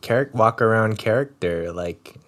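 A man's voice: on the low side, normal speed. A man co-hosting a podcast in casual chat, easygoing and playful. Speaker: podcast co-host.

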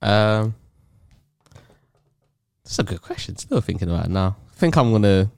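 A man's voice: lowish voice, sing-song, moderate pace, creaky, a little mellow, no room sound. A man with a London roadman accent chatting casually in heavy street slang, often ending on tag questions. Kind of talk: casual podcast chat.

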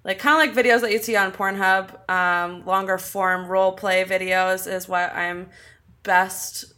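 A woman's voice: mid-range voice, flat delivery, unhurried, pushed and bright. A young adult woman chatting as a podcast guest, giggly and full of "like" and "um". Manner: giggly, filler-heavy. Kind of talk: casual interview chat.

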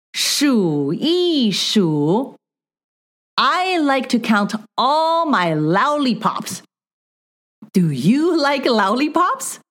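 A woman teaching young children Mandarin in an encouraging, playful kindergarten-teacher voice, repeating phrases slowly and enthusiastically to the viewer. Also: high-pitched. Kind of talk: children's language lesson, addressing the viewer.

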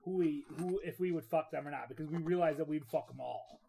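A man's voice: fairly high pitch, fast, vocal fry, warm tone, breathy edge. A man co-hosting a podcast, stammering and repeating words through crude drunken banter.

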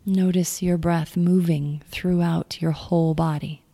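A woman leading a calm guided grounding exercise, giving gentle, soothing instructions in a soft, near-whispered delivery. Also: on the low side, a little slow, gravelly. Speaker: meditation guide.

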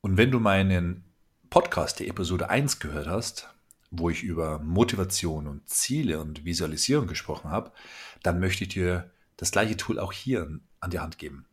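A man's voice: low voice, animated, moderate pace, slightly rough. A man hosting a podcast, coaching the listener directly in an emphatic motivational monologue. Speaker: podcast host.

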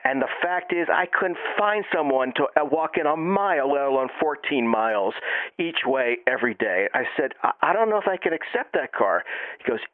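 A man telling an absurd story in a deadpan, matter-of-fact comic manner. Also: fairly high pitch, moderate pace, no room sound, narrow, tinny audio.

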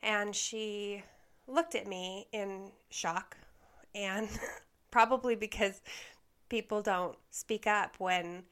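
A woman tells a personal story to the camera, candid and ready to poke fun at herself. Her voice is smooth and clear, at an everyday middle pitch. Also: slow pace, fairly bright tone. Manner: candid and self-deprecating, laughing at herself. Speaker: vlogger. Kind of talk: storytime monologue.

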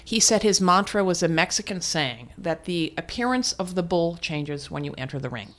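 In this candid interview, an older woman appears as the guest, her lowish voice expressive and a bit bright at a moderate pace. Her talk is frank and reflective, dotted with restarts and the odd laugh.

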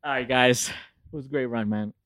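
A man's voice: mid-range voice, fairly even intonation, moderate pace, a bit bright, slight background noise. A man hosting a casual podcast chat, slangy and joking in how he talks. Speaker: podcast host.

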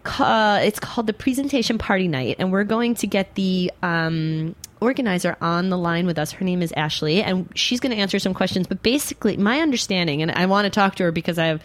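A woman hosting a casual talk show, speaking in an animated, argumentative and jokey way. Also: on the low side, brisk, hardly any pauses. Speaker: host.

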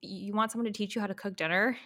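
A woman hosting a podcast, chatting casually and laughing often, sometimes mimicking characters in a high breathy voice. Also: steady tone, very fast, bright, forceful tone. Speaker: podcast host. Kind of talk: casual chat.

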